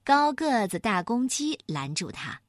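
A woman narrating a children's story in an expressive, animated way. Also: a little high, measured pace, dry recording, studio quality.

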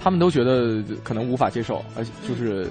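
A man from Beijing with a Beijing accent, hosting a radio talk show with quick jokes and interjections. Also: medium pitch, faint music behind. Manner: lively, joking, quick interjections. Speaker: radio host. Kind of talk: casual radio chat.

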